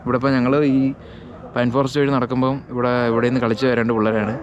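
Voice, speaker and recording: A young Malayali man hosts a casual travel vlog in a mid-pitched voice. He blends Malayalam with English words and phrases as he addresses viewers. He is outdoors, with people audible around him. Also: little pitch movement, quick pace, lo-fi sound. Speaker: travel vlogger. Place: outdoors around a hill town and forest. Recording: outdoor street sound with background chatter.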